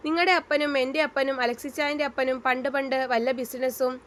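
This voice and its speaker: A woman's voice: high-pitched, fairly even intonation, fast talker, a bit bright. A woman voicing a shaken young woman who pleads and argues in a read-aloud romance story. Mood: pleading. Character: young woman, torn and tearful heroine.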